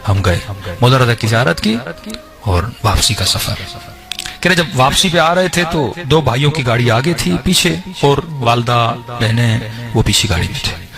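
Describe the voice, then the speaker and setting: A man's voice: medium pitch, expressive, vocal fry, over music. A man telling a religious story with rising emotion, voicing the people in it as he goes.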